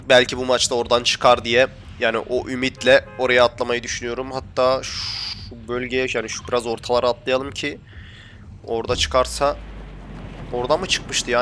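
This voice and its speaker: A man's voice: mid-range voice, a bit bright, a little hiss or hum. A young man commentating his gameplay for viewers, chatty and often complaining that he is getting annoyed. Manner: grumbling, gets worked up and complains to viewers. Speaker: gaming YouTuber.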